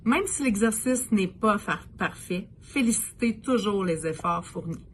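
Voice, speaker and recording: A woman narrating advice to parents in a calm, instructive way. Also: mid-range voice, a little slow, a little hiss or hum. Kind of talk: scripted narration.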